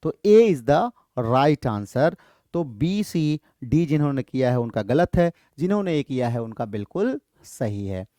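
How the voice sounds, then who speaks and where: Higher-pitched man, exam-prep teacher. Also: dark tone, dry recording, clean studio sound. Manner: repeats questions to students, reads English options slowly then explains quickly. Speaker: literature teacher.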